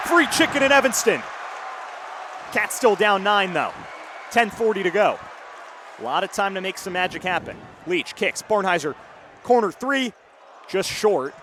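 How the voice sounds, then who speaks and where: Live basketball commentary comes from a young radio announcer in his early twenties, who delivers clipped, punchy calls in a voice that sits high. The recording, made courtside, is full of crowd roar and the thud of a bouncing ball.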